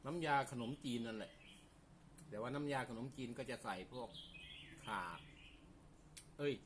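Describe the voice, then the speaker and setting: A man chats at a mid-range pitch as he eats, his mouth often full. He explains things to viewers in a folksy, casual way. Birdsong and clear ambient noise sit behind his voice. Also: unhurried. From Isan, northeastern Thailand. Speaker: food vlogger. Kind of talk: casual mealtime chat to viewers.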